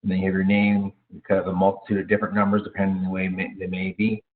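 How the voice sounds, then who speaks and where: A low-voiced man runs an informal product training session in a monotone, hesitating often and correcting himself mid-phrase. The audio sounds thin and narrow like a phone line, with a little hiss or hum.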